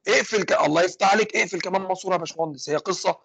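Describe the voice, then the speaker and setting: A young man with an Egyptian accent teaching an engineering class online. He talks fast and keeps asking questions and then answering them himself. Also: high voice, creaky, fairly bright tone. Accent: Egyptian Arabic. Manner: fast, asks and answers his own questions. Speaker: engineering lecturer. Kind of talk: online lecture with student questions.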